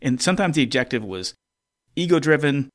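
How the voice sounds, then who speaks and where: A man's voice: fairly high pitch, animated, a little fast. A man in his fifties hosting an interview podcast, reflecting at length with enthusiasm. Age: 50s. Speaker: podcast host.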